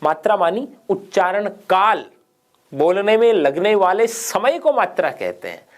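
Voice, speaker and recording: A man's voice: sits high, big pitch swings, unhurried. A man teaching a grammar lesson for exam students, asking questions and answering them himself and repeating key points. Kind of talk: exam-prep grammar lecture.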